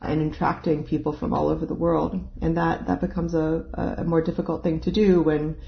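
An expert answers interview questions with analysis, thinking aloud and pausing to find the words. The voice sits at a middling pitch. The audio is a little muffled. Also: level tone, vocal fry.

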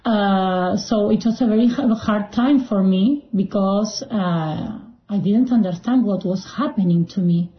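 A young woman from Argentina, a native Spanish speaker, speaking English in an interview with hesitant pauses and fillers. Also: medium pitch. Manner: hesitant, with frequent fillers and restarts. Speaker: guest. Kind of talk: personal account in an interview. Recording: roomy, dull-sounding recording.

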